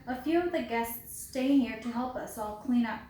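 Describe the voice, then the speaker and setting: A woman, a teacher, reading a children's picture book aloud in a clear, expressive storytelling voice. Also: a little high, normal speed. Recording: roomy with faint background hiss.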